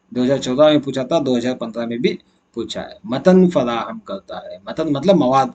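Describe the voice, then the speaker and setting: A man's voice: fairly high pitch, warm tone, lo-fi sound. A man teacher going through exam questions one by one, asking and answering his own questions as he explains. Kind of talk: exam answer key walkthrough.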